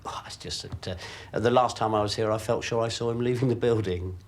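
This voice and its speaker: An actor playing a suspicious police sergeant in a TV drama, probing and drily polite. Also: male voice, on the low side, brisk, slight background noise, lightly acted.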